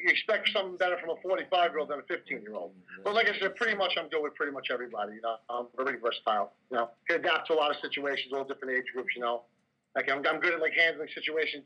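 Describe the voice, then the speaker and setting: A man's voice: fairly high pitch, pushed and bright. A man telling a story at a casting interview, chatty and full of "you know" fillers. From Italian heritage. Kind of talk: casual storytelling. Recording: dull lo-fi recording.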